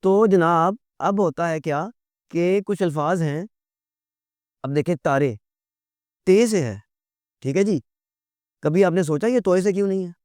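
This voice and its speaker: A man teaching a lecture, asking rhetorical questions and answering them himself, spelling words out slowly letter by letter. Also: sits high, a little mellow, no echo, clean studio sound.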